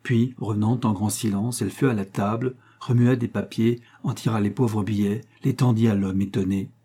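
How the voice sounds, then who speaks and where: A man reading a literary tale aloud in a measured, expressive storytelling manner. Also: lowish voice, breathy edge. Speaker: reader. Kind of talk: scripted narration of a literary tale.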